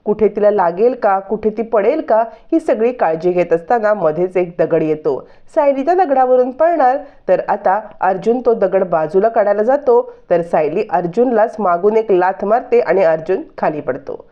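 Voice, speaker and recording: A woman recapping a TV serial episode in a lively storytelling manner, on dull lo-fi audio. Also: medium pitch, moderate pace, hardly any pauses.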